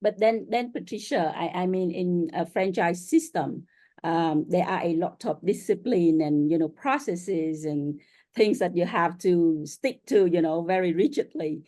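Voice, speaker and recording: A woman hosts an interview with a low, mellow voice. She talks in a friendly way and fills her pauses with "um" and "uh" as she works her way to each question. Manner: friendly, many fillers. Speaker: host.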